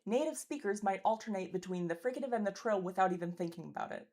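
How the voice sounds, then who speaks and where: A woman's voice: mid-range voice, expressive, fast talker, darkish tone. A woman teaching pronunciation as a linguist, explaining carefully and articulately and demonstrating speech sounds, with a throaty r in German example words.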